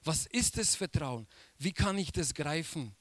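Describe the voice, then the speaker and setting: A man preaching a sermon slowly and emphatically, repeating key phrases for weight. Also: on the high side, expressive, a bit bright, no room sound.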